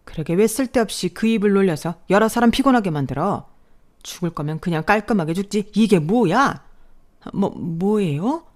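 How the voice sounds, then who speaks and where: A woman voicing a spiteful, sharp-tongued older mother-in-law who scolds in a raised, shrill voice in a radio drama. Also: lively intonation, normal speed, lightly acted. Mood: indignant.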